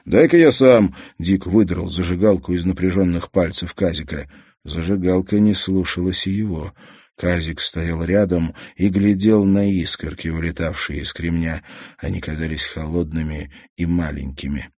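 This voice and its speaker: A man narrating a story in a calm, measured way. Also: low-pitched, dry recording, studio quality. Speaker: audiobook narrator.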